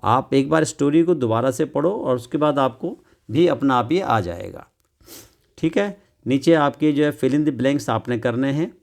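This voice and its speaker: A man tutoring English from a children's workbook, explaining slowly and repeating each word, asking questions and answering them himself. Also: mid-range voice, expressive, gravelly. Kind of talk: classroom lesson explaining a workbook.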